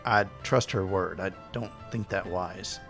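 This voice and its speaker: A man voicing a calm, formal, self-assured fantasy nobleman with measured, courtly wording in a tabletop game. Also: low-pitched, vocal fry, soft background music, heavily acted. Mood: firm, calm.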